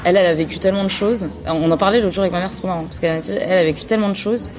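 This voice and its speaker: A French-born woman appearing as a podcast guest talks in a low voice at a racing pace. Her casual conversation is thoughtful but full of fillers and restarts.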